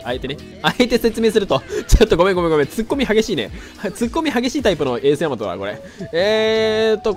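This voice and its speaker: A man narrates his own gameplay in a high, bouncy voice that rises and dips all over. He sounds a little stuffed up and raspy from a cold, and he talks in a chatty, excitable way. Faint music plays in the background. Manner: chatty, excitable, breaks into shouts while playing. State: slightly nasal from a cold; hoarse. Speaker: gaming YouTuber. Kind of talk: live gameplay commentary.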